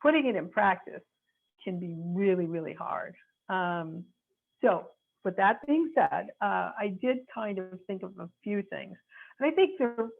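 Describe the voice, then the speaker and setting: On a tinny, phone-quality line, a gravelly mid-range voice belongs to a woman in her sixties from North Chicago in the American Midwest. An attorney, she gives earnest, frank advice reflectively, pausing to search for her words.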